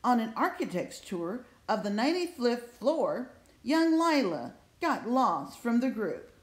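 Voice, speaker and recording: A woman reading a rhyming children's story aloud with expressive, measured, sing-song delivery. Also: a little high. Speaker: storybook reader. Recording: roomy, echoing indoor sound.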